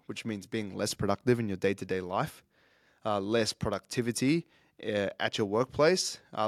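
A man in his thirties, a fitness coach who hosts his own podcast, speaks in a mid-range voice in a casual monologue. He reflects earnestly on life lessons and often restarts his sentences. The recording is dry and studio quality.

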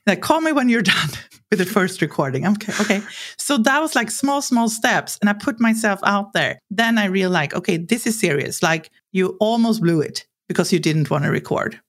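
This Swedish woman in her forties, a podcast guest speaking second-language English with a Swedish accent, has a medium-pitched voice and a moderate pace. Her storytelling is candid and lively, full of acted-out quotes and laughter.

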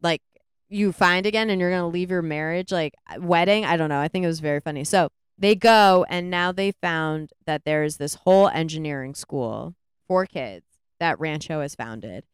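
A woman co-hosting a podcast, retelling a film's plot in a rambling, animated way with lots of "like"s. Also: low-pitched, moderate pace, clean tone, no echo, clean studio sound. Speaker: podcast co-host. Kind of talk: casual movie review chat.

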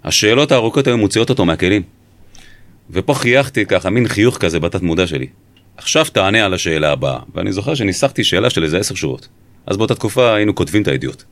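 A man, a former police interrogator, recounting in an interview how he questioned a suspect, speaking in a measured, emphatic way. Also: fairly low pitch, animated, no room sound.

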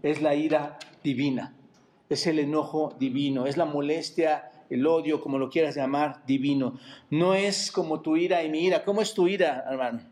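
A man with a Mexican Spanish accent preaching a sermon as pastor, asking the congregation rhetorical questions and dropping his voice to a quiet aside on "brothers". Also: on the high side, fairly even intonation, normal speed. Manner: repeats "hermanos" in a dropped, quiet voice. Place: church.

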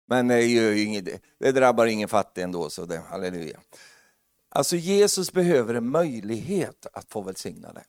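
A man preaching a lively sermon, joking with the congregation and building to loud, emphatic preaching. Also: lowish voice, no room sound, studio quality.

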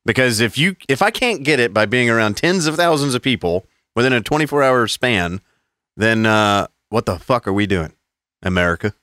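A man's voice: medium pitch, animated, moderate pace, bright, forceful tone, no room sound, clean studio sound. A man on a casual podcast, telling long rambling stories full of swearing. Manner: rambling storyteller, heavy swearing, mocking voices in quotes. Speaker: podcast co-host. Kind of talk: casual profane chat.

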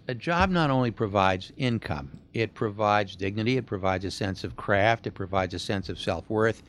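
A man answering an audience question at a public talk in a measured, thoughtful way, with rhetorical questions. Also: mid-range voice.

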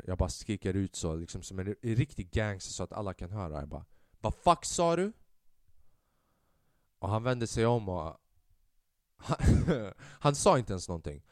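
A young man from Sweden, a podcast host telling a story in an animated way, swinging from loud outbursts to low mutters and mixing in English slang and swearing. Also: dry recording, clean studio sound. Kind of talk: casual storytelling.

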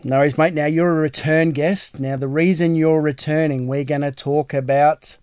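A man's voice: a little high, steady tone, normal speed, darkish tone, clean tone, no echo, clean studio sound. Blokey Australian man hosting a podcast. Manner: blokey, matey, plain-spoken. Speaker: podcast host, real estate agency owner. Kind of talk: casual podcast interview.

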